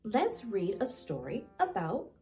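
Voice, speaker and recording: A woman speaks like a kindergarten teacher to preschoolers, encouraging and sing-song. Her delivery is slow and swoops widely in pitch, with a soft, mellow tone. She asks simple questions and leaves room for answers. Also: wildly swooping pitch, creaky, soft background music. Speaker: children's show host. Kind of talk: preschool lesson addressed to young children.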